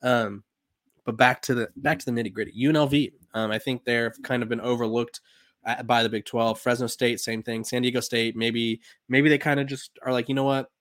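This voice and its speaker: A man's voice: mid-range voice, fairly even intonation, brisk, fairly bright tone, no room sound, clean studio sound. A young man in his twenties hosting a sports podcast, talking casually with lots of fillers and restarts. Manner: rambling, filler-heavy, many "um"s and restarts. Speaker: podcast host.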